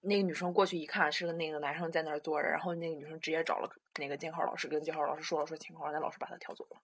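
A woman's voice: low voice, steady tone, rapid-fire, breathy edge. A young woman, talking hesitantly in a casual chat.

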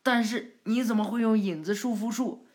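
A woman's voice: a little high, normal speed, a little mellow, slightly rough, pitched above the performer's own voice. A woman voicing an earnest, easily flustered boy ninja student in a spoken retelling of a cartoon. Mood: startled.

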